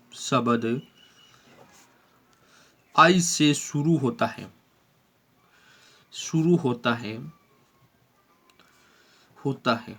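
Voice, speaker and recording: A man with an Indian accent slowly explains a spelling rule in a classroom, repeating words and spelling them out letter by letter. His voice is a little high with a fairly bright tone.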